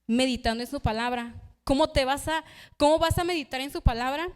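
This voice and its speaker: A woman's voice: high-pitched, a little fast. A young woman preaching a sermon in church, telling a personal story and acting out the voices she quotes. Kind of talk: youth sermon.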